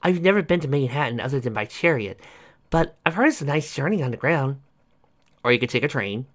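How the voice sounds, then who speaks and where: A man voicing an eager, cheerful young female unicorn pony in a fan fiction reading, his voice raised high and bright. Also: a little fast. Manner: bright, excited, earnest.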